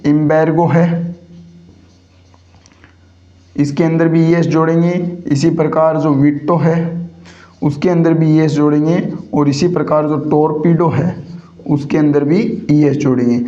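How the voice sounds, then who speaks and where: A man's voice: sits high, warm tone. A male grammar teacher giving a lecture and keeps asking his students rhetorical questions. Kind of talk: classroom lecture. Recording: echoey dull lo-fi room sound.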